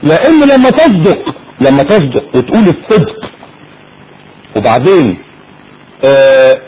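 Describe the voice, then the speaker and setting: A man with an Egyptian Arabic accent giving a colloquial sermon, swinging from loud to hushed and acting out little dialogues. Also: a little high, big pitch swings, measured pace, highs cut off, slight background noise. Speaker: preacher.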